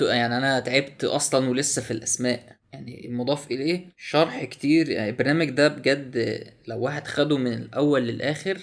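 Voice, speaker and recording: A man's voice: medium pitch, vocal fry. A young man with an Egyptian Arabic accent casually walks through a language app on screen, often exclaiming in surprise. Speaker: YouTuber reviewing a language app.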